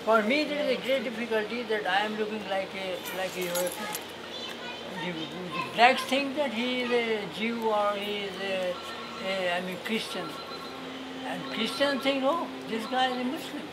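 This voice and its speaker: Terse man over loud background noise. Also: high voice, moderate pace. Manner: terse, emphatic, non-native phrasing. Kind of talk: interview answers.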